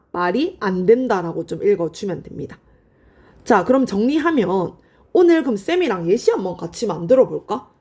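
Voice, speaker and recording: A woman teaching high school literature in an online lecture, explaining in a friendly, chatty way and answering her own questions. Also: darkish tone, breathy edge. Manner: asks students questions and answers them herself.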